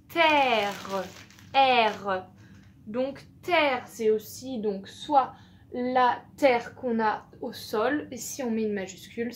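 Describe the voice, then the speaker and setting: A woman's voice: on the high side, a little hiss or hum. A woman teaching young children a phonics lesson, spelling out letters and repeating sounds patiently. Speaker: primary school teacher.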